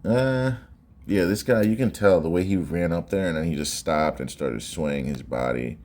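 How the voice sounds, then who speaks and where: A man's voice: deep voice, normal speed, darkish tone. A man giving casual, conversational reaction commentary on sports footage, often repeating phrases for emphasis.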